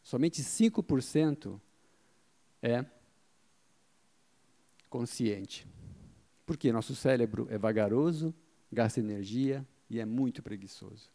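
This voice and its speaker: Mellow and medium-pitched, this middle-aged man takes his time, leaving long pauses. He gives a conference talk on marketing into a handheld mic for a seated audience in an event hall, explaining points, answering questions he poses himself, and often ending lines with "tá?"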